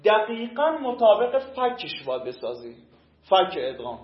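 A man teaching a class, raising questions and answering them himself as he goes. His voice sits high, and he draws out word forms in a slow chant. The recording is dull and lo-fi, with a roomy echo around him. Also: sing-song. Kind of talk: classroom lesson. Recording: echoey room, dull lo-fi sound.

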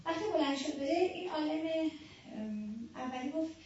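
A woman's voice: high-pitched, darkish tone, a little hiss or hum. A woman giving a religious class lecture, explaining ideas step by step with rhetorical questions and short anecdotes. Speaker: religious teacher. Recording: very echoey room, distant mic, dull sound.

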